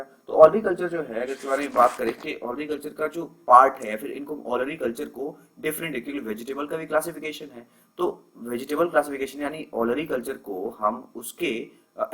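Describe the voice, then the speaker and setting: The speaker is a young man with a mid-range, fairly bright voice, teaching agriculture over slides in a low-quality recording. He takes time to explain terms, weaving English into his Hindi and filling gaps with frequent fillers.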